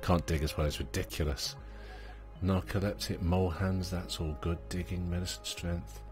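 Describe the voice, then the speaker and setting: A gaming channel host with a deep voice gives casual let's play commentary over music, his intonation fairly even and his pace moderate. He thinks aloud with many fillers and now and then talks to the little characters in his game.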